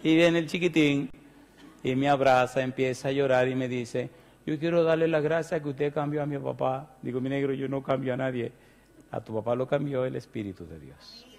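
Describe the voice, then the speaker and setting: A man preaching a sermon, telling a story and then pleading fervently for people to come forward. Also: medium pitch. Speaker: pastor. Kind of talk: sermon with altar call. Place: church. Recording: long church hall reverb.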